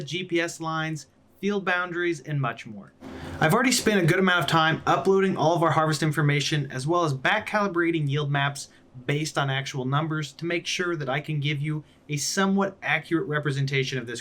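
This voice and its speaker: A farmer hosting his own vlog, explaining things in a clear, methodical way with dry little asides. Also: a little high, brisk, fairly bright tone.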